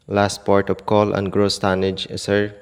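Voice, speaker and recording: A man working as a port control operator, speaking in flat, formal radio procedure heard over a marine radio. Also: fairly low pitch, unhurried, echoey room, long reverb tail, background noise. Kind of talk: scripted marine radio exchange.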